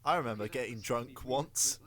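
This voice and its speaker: A man's voice: mid-range voice, normal speed, fairly bright tone. A man joining casual commentary, joking and exclaiming at what is on screen. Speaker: guest co-commentator.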